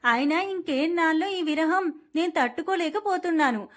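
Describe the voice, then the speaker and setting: A woman's voice: very high-pitched, normal speed. A woman voicing a mushy young prankster. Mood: lovesick. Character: playful young man, prankster lover.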